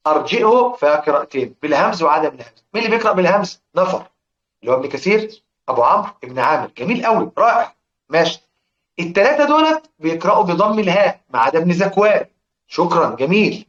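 A man's voice: high-pitched, sing-song, very fast, fairly bright tone. A man with an Egyptian accent teaching a lesson on Quran recitation rules. He quizzes his students, answers his own questions and chants lines of verse. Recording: echoey, dull lo-fi room recording.

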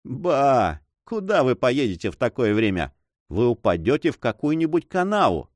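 A man with a medium-pitched, very animated voice reads at a moderate pace in a natural voice, recorded dry and close like a storybook. He plays a confident, mocking French adventurer, an adult man who teases his listener, his speech rising and falling with playful emphasis.

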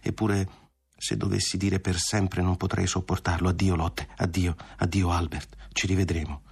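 Man voicing a lovesick young man, fervent, husky low voice, audiobook. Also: little pitch movement, normal speed, full character voice. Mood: anguished farewell.

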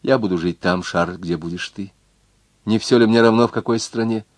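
A man's voice: lowish voice, moderate pace, dry recording, lightly acted. A man voicing a fervent young noblewoman. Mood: tender. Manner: fervent, tender delivery. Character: young noble woman, devoted, passionate lover. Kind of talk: audiobook reading of a novel.

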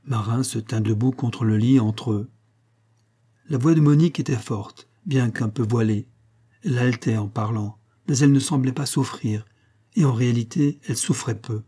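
A man reading a novel aloud as narrator, with steady, measured delivery. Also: mid-range voice, breathy edge. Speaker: audiobook reader.

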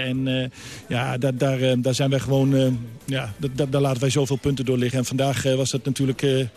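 A man, a football trainer, giving a halting post-match interview with many hesitations. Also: medium pitch, a little mellow. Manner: halting, frustrated, many fillers.

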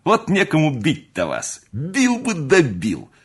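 A man's voice: a little high, huge pitch swings, slow, slightly rough, voice pushed up, exaggerated voice. A man voicing an elderly mother, a country landowner, who laments and pleads in a raised voice. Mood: tearful.

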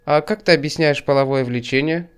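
A man's voice: on the high side, a little fast, clean tone, natural voice. Man voicing Angelina, teasing young woman.

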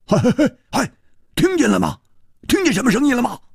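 A man doing an excitable stammering swordsman. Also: moderate pace, creaky, slightly rough, no room sound, clean studio sound, heavily acted. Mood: excited. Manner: high excited stammering outbursts. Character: excitable stammering male swordsman, brash and impatient.

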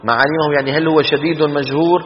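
A man giving a classroom lecture on Quran recitation, explaining slowly and drilling students to repeat sounds. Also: a little high, steady tone, a little hiss or hum. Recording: dull lecture hall recording.

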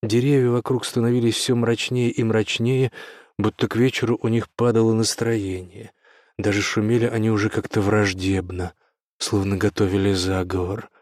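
Calm, measured male narrator, low-pitched and dry. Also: no room sound. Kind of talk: scripted story narration.

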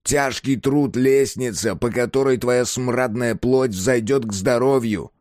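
A raving old warden sermonizing about toil and cures, his voice pitched well above a normal man's and swinging wildly, as a man reads him. He is sanctimonious and shrill, an audiobook villain. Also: sing-song, a little slow, no echo, clean studio sound. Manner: preaching, sanctimonious, rising to shrieks. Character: fanatical old male prison warden, shrieking zealot. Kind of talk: audiobook reading.

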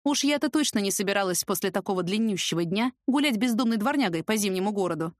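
A woman narrating an audiobook in the first person, lively and sarcastic, with an expressive delivery. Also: mid-range voice, quick pace, dry recording, clean studio sound.

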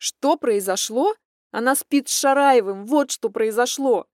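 A woman's voice: a little high, moderate pace, darkish tone, no echo, natural voice. An enraged young woman, voiced by an audiobook narrator, throws bitter accusations in a slightly raised voice. The delivery is dry and close to the microphone. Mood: furious. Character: furious young woman, betrayed friend.

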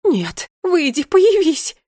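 A woman reading aloud and voicing a gentle, motherly magical creature. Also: a little high, expressive, normal speed, breathy edge, no room sound, clean studio sound. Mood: frantic. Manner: soothing, then frantic.

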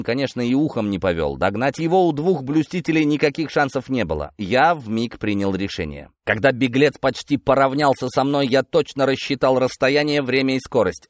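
A man narrating a first-person audiobook in a lively, expressive storytelling manner. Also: medium pitch, no room sound, studio quality.

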